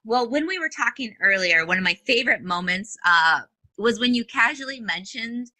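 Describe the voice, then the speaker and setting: Chatty minnesotan lady hosting a podcast, bright voice, dry close sound. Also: a little high, expressive, normal speed, no room sound, rough recording. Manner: upbeat, chatty, laughs easily. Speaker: podcast host. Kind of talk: podcast interview.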